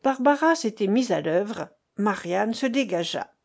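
A woman reading a classic novel aloud as audiobook narration, in a measured, expressive way. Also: mid-range voice, vocal fry. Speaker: audiobook reader.

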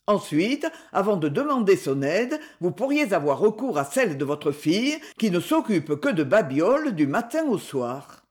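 Woman doing a cool composed young guy, dry ironic way of talking, measured. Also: medium pitch, very animated, darkish tone, natural voice. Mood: coldly ironic. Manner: cold irony, measured. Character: calm, cool-mannered young man, ironic. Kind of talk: audiobook reading.

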